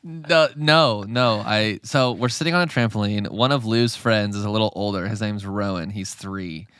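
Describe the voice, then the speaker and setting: Casting: man, 30s, lowish voice, dry close mic, easygoing podcast chat with lots of laughs. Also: normal speed, a bit bright, clear, resonant tone, no echo. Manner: laughing, self-mocking storyteller. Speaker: podcast host. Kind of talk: casual chat.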